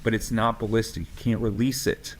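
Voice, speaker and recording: A man's voice: fairly low pitch, fairly even intonation, fairly quick, a little hiss or hum. A man co-hosting a podcast as a strength coach, talking casually and ranting with passion, swearing freely, full of fillers and restarts.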